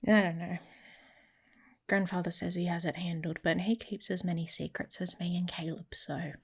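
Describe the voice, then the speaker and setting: In an intimate ASMR roleplay, a woman plays a guarded, teasing young female werewolf, wry and casual, her breathy, husky voice often dropping to a whisper. She speaks on the low side at normal speed with a flat delivery, sounding conspiratorial and musing.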